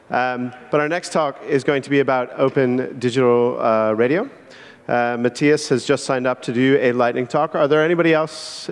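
A man's voice: mid-range voice, clean tone. A man hosting a stage event in a casual, teasing, playful manner between talks. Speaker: event host. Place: large event tent stage with audience. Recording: hall reverb, audience noise, stage PA.

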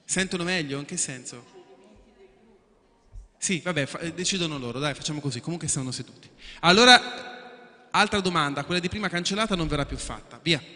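A man's voice: on the high side, a little fast, pauses often, sharp tone. A man hosting a live quiz, explaining the rules to contestants in a chatty way and often asking if everyone agrees. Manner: chatty, repeats and restarts, asks for agreement. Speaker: quiz show host. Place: event hall with contestants. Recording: echoey hall.

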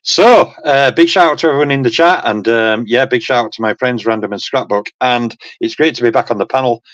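Over a video call, a man speaks as a guest in a casual panel discussion, his medium-pitched voice brisk and fairly bright. The computer mic yields poor audio without echo, and he rambles along, saying "okay" and "um" a lot.

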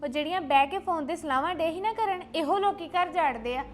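A woman playing a quarrelsome, sharp-tongued young wife in a family drama. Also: very high-pitched, soft background music. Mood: indignant. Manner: fast, sharp and retorting.

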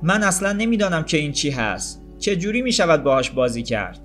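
Man playing a curious little boy stuck in bed, high and loud, eager, storybook. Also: soft background music. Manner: eager, excited, questioning.

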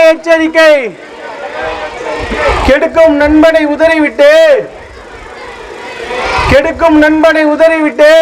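A man calls out slogans through a megaphone at a street rally, every line repeated twice in a sing-song rhythm. His voice sits very high, slow and unvaried. Loud crowd and traffic noise fill the street behind him. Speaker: anti-drug rally slogan leader.

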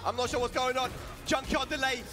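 A man commentating a fighting game tournament, quick play-by-play that climbs to excited shouts. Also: very high voice, over music. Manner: excited play-by-play, rising to shouts at big moments. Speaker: esports commentator.

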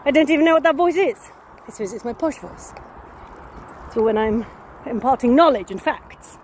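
A woman's voice: high-pitched, lively intonation, normal speed, a little hiss or hum. A woman chatting outdoors in a rambling, self-mocking daily vlog, laughing often. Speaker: vlogger.

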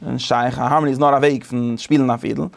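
Male teacher, casual lesson, rapid gravelly delivery, animated, thinks aloud. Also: mid-range voice.

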